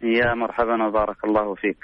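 On a dull, lo-fi link with little room sound, a man gives a radio interview. He is a religious scholar with a fairly low voice, speaking formal standard Arabic at a fast pace. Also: little pitch movement, no room sound. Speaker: religious scholar and imam, guest.

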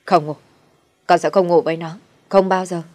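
Audio-story role: unstable ailing young man, acted by a woman, loud, low outbursts. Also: fairly even intonation, fast talker. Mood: raging. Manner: shouting, agitated. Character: sickly volatile young husband, fearful of death.

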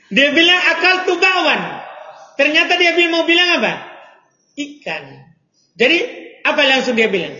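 A man's voice: very high voice, pushed and bright. A man teaching an Arabic grammar lesson in a class, quizzing his students with playful examples. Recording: echoey hall, dull audio.

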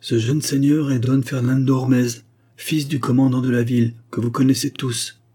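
A man's voice: mid-range voice, level tone, moderate pace, warm tone, slightly rough, voice pushed up, close to an everyday voice. A man voicing a frightened young woman in a storybook, pleading in anguish, partly in a whisper.

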